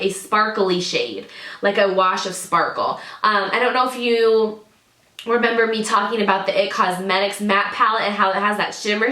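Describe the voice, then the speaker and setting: A woman with a medium-pitched, sharp-toned voice, in her thirties, enthusiastically chats to camera as a beauty YouTuber testing products at home. A fading cold leaves her slightly nasal, and she repeats words for stress. The room, indoors with drawer units, echoes.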